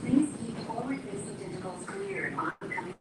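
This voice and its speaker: A woman's recorded safety announcement plays over a ride loudspeaker, calm and measured with a lively, slightly high voice. It sounds distant and echoey, with steady ride noise underneath. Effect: played over an outdoor ride loudspeaker.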